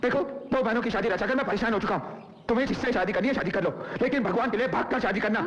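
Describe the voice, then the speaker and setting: A man's voice: sits high, racing, heavy background noise, natural voice. An actor playing a weary elder brother sunk in debt, exasperated and scolding his sisters. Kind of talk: Hindi film acting. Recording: slightly muffled film soundtrack.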